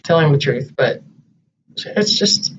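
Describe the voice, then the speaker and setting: A man with a slightly high voice chats casually, wandering through his thoughts with plenty of hesitation. He sits a little back from the mic. The recording sounds dull, with a faint hiss underneath. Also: animated, slow pace, a bit bright. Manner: rambling, hesitant, thinking aloud. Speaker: co-host. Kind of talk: casual chat. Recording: distant muffled home recording with light hiss.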